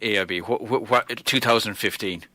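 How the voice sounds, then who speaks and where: Bright-voiced male show host. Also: fairly low pitch, moderate pace, no room sound. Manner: brief prompting questions. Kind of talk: studio interview.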